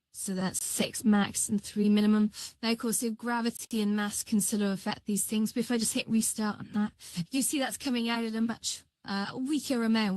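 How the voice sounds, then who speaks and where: Brief: a host disguised by a voice changer, heard as a fairly high woman's voice with a dry close sound, chatty and full of fillers while teaching. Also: darkish tone, no echo. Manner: talks through steps casually with many fillers. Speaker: host building a virtual world. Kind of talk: live screen-share tutorial.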